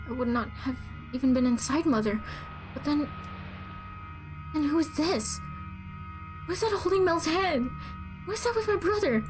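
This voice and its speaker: A woman voicing an anguished fourteen-year-old noble girl who talks to herself in frantic bursts. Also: sits high. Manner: frantic, distraught, talking to herself.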